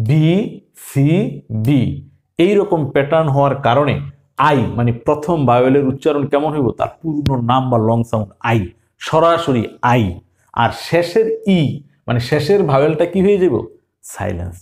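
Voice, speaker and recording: A man's voice: mid-range voice, creaky, darkish tone. A man teaching English phonics in a classroom style. He asks questions, answers them himself and spells words out sound by sound.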